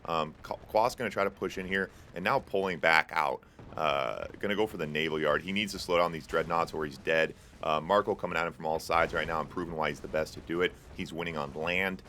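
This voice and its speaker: This very deep, pushed and bright voice belongs to a young man hosting and casting a strategy game tournament. He talks briskly with hardly any pauses, loading his laid-back commentary with fillers and chat asides, and slight background noise can be heard.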